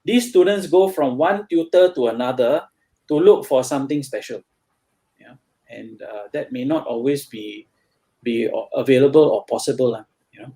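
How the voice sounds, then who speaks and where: A man's voice: mid-range voice, normal speed, warm tone. A man with a Singaporean English accent, a tutor being interviewed, talking in a hesitant way with many fillers and restarts. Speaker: guest tutor. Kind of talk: casual interview chat.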